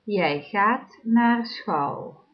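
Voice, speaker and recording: A woman reading numbered practice sentences aloud as a language teacher, in a deliberate drill style with long pauses. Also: mid-range voice, animated. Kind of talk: slow, clearly enunciated drill reading. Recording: dull lo-fi recording.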